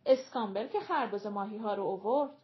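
Woman doing a calm, level-headed young man. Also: medium pitch, dull audio, close to an everyday voice.

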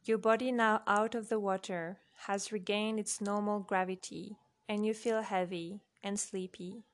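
A woman guides listeners toward sleep in a soft, unhurried relaxation session, her medium-pitched voice holding a steady tone. She speaks very slowly, with short phrases separated by long pauses.

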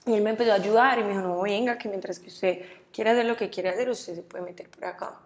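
A young woman from Medellín with a paisa accent, telling her story as a podcast guest, animated and quick to laugh. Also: medium pitch. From Medellín, Colombia. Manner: animated, laughs often, acts out quotes. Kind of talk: casual interview storytelling.

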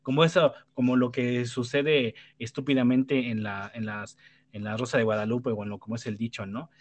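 A man's voice: mid-range voice, steady tone, moderate pace, dry recording. A man with a Mexican accent giving opinions in a casual debate, rambling and blunt, swearing freely and tagging his points with questions. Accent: Mexican Spanish. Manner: rambling, many restarts and tag questions. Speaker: panelist.

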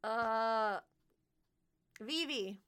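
A woman's voice: on the high side, drawn-out words, a bit bright, clean tone. A woman narrating a tabletop role-playing game casually as game master.

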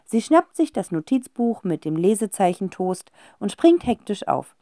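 A woman narrating a children's audiobook with a lively, expressive reading. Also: medium pitch, normal speed, dry recording, studio quality.

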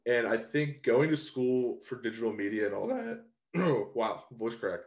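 A young man hosting a casual interview, rambling and relaxed with lots of fillers. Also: medium pitch, moderate pace. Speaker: podcast host. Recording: roomy echo.

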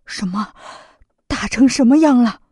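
A woman voicing a gentle, anxious monk in a children's storybook audio, lower and softer than her narration. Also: expressive, unhurried, breathy edge, no echo, clean studio sound.

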